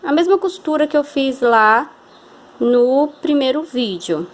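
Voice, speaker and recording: A high-pitched Brazilian woman explains a sewing technique step by step, patient and reassuring. She keeps checking in with the viewer as she works. A faint hiss sits under her voice. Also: expressive, a little slow. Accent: Brazilian Portuguese. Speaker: craft teacher. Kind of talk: hands-on sewing tutorial.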